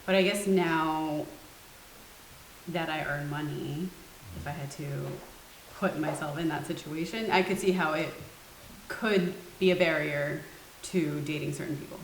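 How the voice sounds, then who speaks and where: A woman's voice: low voice, measured pace, long pauses. A woman in her twenties, a roundtable guest, speaking hesitantly with many fillers. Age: 20s. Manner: hesitant, soft-spoken with fillers. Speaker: panel guest. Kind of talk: casual roundtable chat. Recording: echoey room with faint hiss.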